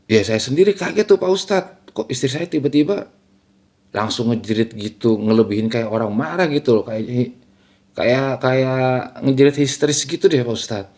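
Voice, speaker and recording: A man's voice: medium pitch, normal speed, a little mellow, close to an everyday voice. A man voicing a worried village husband recounting to a cleric how his wife suddenly became possessed. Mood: alarmed. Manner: earnest, explaining, addresses listener directly.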